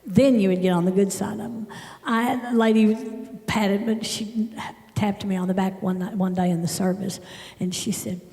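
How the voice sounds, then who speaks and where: A woman's voice: medium pitch, moderate pace, vocal fry. Emphatic woman preaching in echoey church. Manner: emphatic, animated storytelling. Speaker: church speaker. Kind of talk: sermon with personal stories. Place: church sanctuary. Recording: echoey church hall with long reverb.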